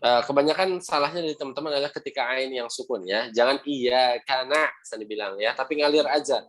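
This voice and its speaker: A young adult man teaches Quran recitation in a patient, steady way. His voice sits at a middle pitch, and he drags out sounds slowly to demonstrate them, often tagging phrases with "ya". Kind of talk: online class instruction with recitation examples.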